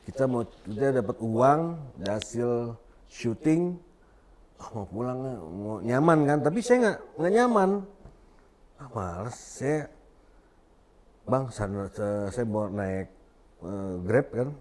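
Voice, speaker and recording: Male guest, testimony storytelling, animated, acts out dialogue. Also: mid-range voice, slow pace, long pauses. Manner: animated, acts out quoted dialogue, many fillers and restarts. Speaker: interview guest giving testimony. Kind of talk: emotional storytelling.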